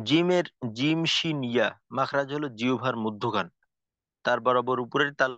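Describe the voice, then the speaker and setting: Measured man teaching a lesson, dry lo-fi. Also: mid-range voice, a bit bright, no echo. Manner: measured, explanatory, with frequent pauses and fillers. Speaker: tajweed teacher. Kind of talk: recorded lesson lecture. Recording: dull lo-fi recording, dry.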